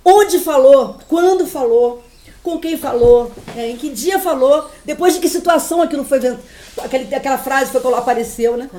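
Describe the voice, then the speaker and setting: A woman giving a university class lecture in an animated, storytelling way. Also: high-pitched, normal speed, echoey room. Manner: animated, storytelling, laughing often.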